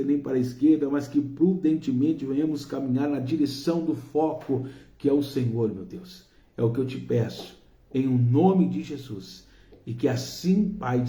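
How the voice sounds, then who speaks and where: A Brazilian pastor leads a fervent, rhythmic prayer on a live stream, naming his flock one by one. His man's voice is deeply mellow and dark at a middle pitch. It rings with the echo of a bare room. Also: lo-fi sound. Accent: Brazilian Portuguese. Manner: fervent, rhythmic intercessory prayer listing names.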